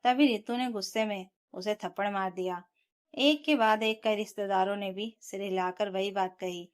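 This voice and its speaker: Woman, storyteller, scripted first-person narration, emotional, steady. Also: mid-range voice, normal speed, clear, resonant tone. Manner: emotional, steady dramatic telling.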